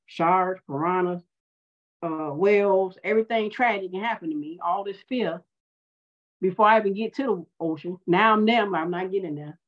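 Animated woman minister, dull lo-fi sound. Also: mid-range voice. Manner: animated, conversational storytelling with acted-out quotes. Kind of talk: sermon storytelling.

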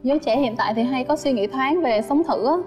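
A woman's voice: sits high, a little fast. A woman on a dating show, polite and sweet, asking her date lots of questions. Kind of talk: casual chat on a first date. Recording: studio sound with reverb and loud music.

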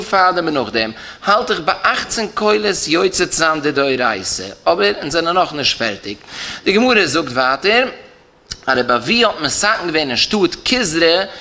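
Male rabbi, Yiddish accent, lecture chant with rising and falling lines, bright voice. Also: on the high side. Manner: rising and falling chant, stresses key terms, repeats phrases. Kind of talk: Talmudic lecture in a singsong study chant.

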